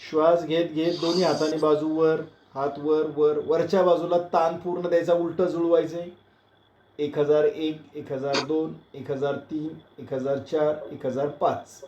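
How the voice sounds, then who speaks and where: A somewhat high, mellow male voice slowly counts out breaths and gives posture cues as an instructor. He sounds like he is on a video call, with a roomy echo and dull, lo-fi audio. His voice grows softer when he guides the class to rest. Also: slight background noise. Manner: slow, counting cues, voice dropping soft and low when calming.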